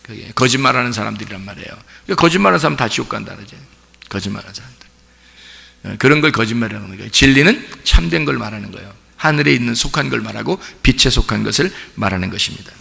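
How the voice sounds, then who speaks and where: Guy pastor preaching, super gravelly voice, long echo in the church. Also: medium pitch, animated, racing, pushed and bright. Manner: conversational preaching, asks the congregation rhetorical questions. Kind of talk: sermon. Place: church sanctuary during Sunday service.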